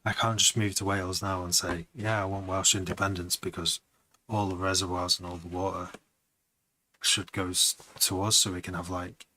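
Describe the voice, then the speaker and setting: A man's voice: low-pitched, flat delivery, moderate pace, sharp tone, slight background noise, low-quality recording. A man who produces music, chatting casually on a live stream, rambling and hesitant with many restarts.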